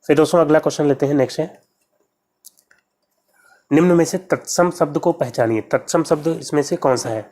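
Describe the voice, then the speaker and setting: A man's voice: on the high side, fairly quick, pauses often, a little mellow. A man teaching exam questions, walking through each answer step by step and often repeating key words to his viewers. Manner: repetitive, addresses viewers as friends. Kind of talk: explaining quiz answers.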